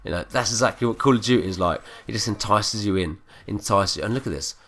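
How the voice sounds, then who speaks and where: A man's voice: fairly low pitch, fast talker, a bit bright. A man with a blocked nose from a cold, ranting and swearing through gameplay commentary. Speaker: gaming commentator. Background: faint background music.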